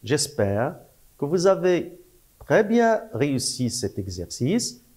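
Man teaching little kids, super slow, sing-songy up and down, says every word twice. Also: fairly high pitch, very animated, darkish tone. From Morocco. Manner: spells out syllables slowly, repeats words, praises often. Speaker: primary school teacher. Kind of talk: slow, patient French lesson for young children.

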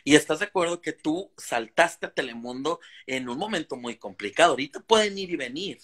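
A man's voice: fairly high pitch, expressive, a little fast, fairly bright tone. A man from Mexico interviewing a guest over a live video call, admiring and wordy, with many fillers. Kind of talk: casual interview chat.

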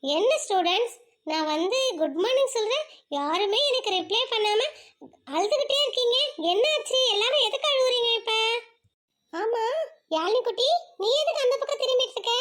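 A schoolteacher, played by a woman in a puppet-show cartoon, speaking in a high, soft voice. She coaxes her class gently and turns firm when she scolds. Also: expressive, moderate pace. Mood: coaxing. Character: patient scolding female schoolteacher. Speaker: teacher.

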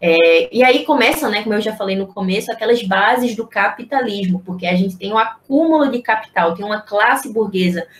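Speaking fairly quickly and barely pausing, a young Brazilian woman gives a casual online history lesson, explaining and tossing out rhetorical questions. Her pitch is medium, and the video-call microphone sounds echoey in the room.

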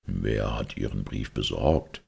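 A man voicing a calm, cutting male detective who speaks slowly and in a low, menacing tone. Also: vocal fry, slightly rough, exaggerated voice. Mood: coolly menacing.

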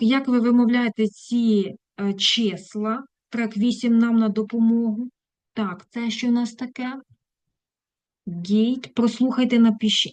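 A woman's voice: a little high, warm tone, dry recording. A woman English teacher giving a casual online lesson, chatty, breaking off mid-thought and turning to her students with fond asides. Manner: chatty, self-interrupting, affectionate asides.

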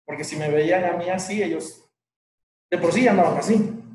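Man, Mexican accent, high pitch, colloquial workshop leader, distant mic. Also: a little fast, darkish tone, a little hiss or hum. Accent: Mexican Spanish. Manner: colloquial, chatty, laughs between remarks. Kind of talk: casual group talk. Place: indoor room with a group. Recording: echoey room, distant mic.

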